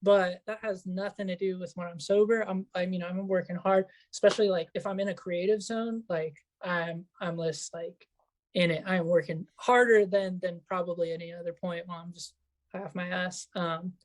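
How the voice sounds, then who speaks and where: A man's voice: high voice, steady tone, normal speed. A young man who grew up in Mexico, chatting as a podcast guest over a video call in a laid-back way, full of likes and ums. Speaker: guest author. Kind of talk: casual chat.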